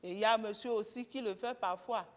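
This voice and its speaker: A woman, a guest speaker talking candidly and conversationally, with gentle humor, to a breakfast audience. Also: on the high side, a little fast, big-room sound. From Benin. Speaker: guest speaker, mechanic and garage co-owner.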